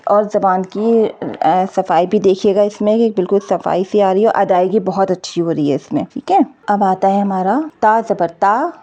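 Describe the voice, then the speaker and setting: A woman leads a beginner language lesson in a warm, mellow voice. She spells out syllables slowly and clearly, one after another, and keeps checking that her students are with her. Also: medium pitch. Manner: patient, repeats each syllable slowly and clearly; often checks in with "theek hai". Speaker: Urdu teacher.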